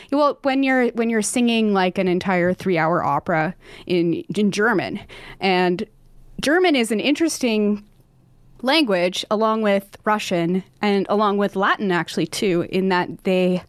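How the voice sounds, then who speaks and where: Expressive and unhurried, a woman with a smooth, medium-pitched voice chats as an opera singer guest in a relaxed interview. She laughs readily and peppers her talk with "like" and "um," and the recording has no echo.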